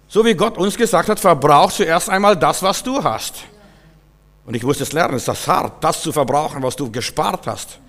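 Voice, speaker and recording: A man's voice: a little high, a bit bright. Guy preaching in a big echoey church hall, folksy, voices the people he quotes. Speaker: pastor. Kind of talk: sermon. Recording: long reverb of a hall.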